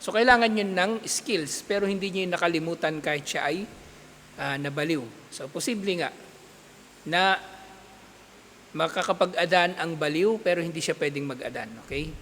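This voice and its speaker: A man teaching an Islamic studies class, explaining patiently, checking with his students and reciting Arabic text in quick bursts. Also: a little high, a bit bright, big-room sound, a little hiss or hum. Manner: explains patiently, checks understanding with repeated "okay?". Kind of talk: classroom lecture.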